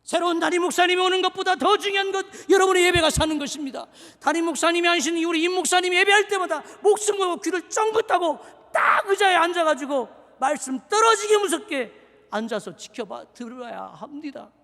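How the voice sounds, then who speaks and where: A pastor from Seoul delivers a brisk, dramatic sermon in a strikingly high, bright, forceful voice. He leaps between fervent shouted exhortations and quiet, confiding asides, all ringing with the long reverb of a church sanctuary.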